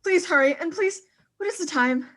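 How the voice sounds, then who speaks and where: A nervous, demanding invalid wife in a 1940s-style radio thriller. Her voice is extremely high. She sounds imperious and fretful, always on the edge of breathless panic. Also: moderate pace, fairly bright tone. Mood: impatient. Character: anxious, demanding invalid wife terrified alone at home.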